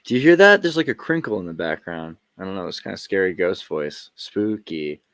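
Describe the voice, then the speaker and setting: A man's voice: deep voice, sing-song, fast, fairly bright tone, dry recording. A man hosting a casual livestream, chatting loosely and joking as he checks his new setup. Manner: loose, rambling, jokey. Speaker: livestream host.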